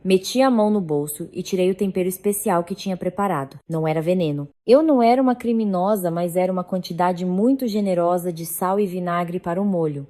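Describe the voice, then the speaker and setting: A woman tells a first-person drama story in a measured, dramatic voice. Her tone sits low and mellow, with a dark, soft warmth. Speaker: narrator.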